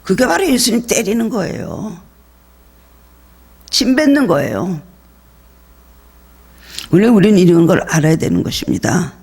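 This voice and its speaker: A man's voice: sits high, lively intonation, a little slow, vocal fry, long pauses, darkish tone, breathy edge. A male pastor preaching a sermon earnestly, asking his congregation one rhetorical question after another.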